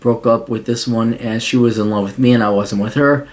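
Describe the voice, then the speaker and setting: Talking fairly quickly in a steady, medium-pitched voice, an American podcast host reads a listener's letter and replies with blunt, swear-heavy advice. Asides come in mocking voices throughout this casual, profane monologue.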